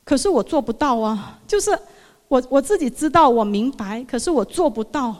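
A woman giving an emotional religious testimony, earnest and halting, often repeating her words. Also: high-pitched, expressive, darkish tone. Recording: long reverb of a hall.

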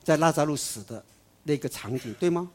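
A man preaching a sermon, emphatic, swinging between loud declarations and soft asides. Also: a little high, lively intonation, a little fast.

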